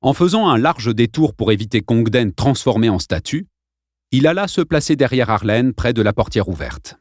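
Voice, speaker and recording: A man reading a novel aloud as an expressive audiobook narrator. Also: medium pitch, normal speed, no echo, studio quality. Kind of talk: scripted narration.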